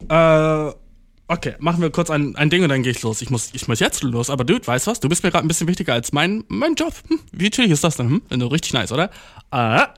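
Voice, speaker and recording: A man's voice: a little high, very animated, fast talker. A man podcasting from home, ranting in a casual, restless way, swearing a lot and dropping English slang. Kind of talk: casual rant to the listener.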